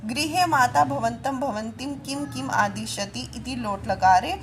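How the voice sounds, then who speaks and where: A woman's voice: fairly high pitch, measured pace, a bit bright, a little hiss or hum. A woman teacher, reading Sanskrit lines aloud and then explaining each one in a lesson.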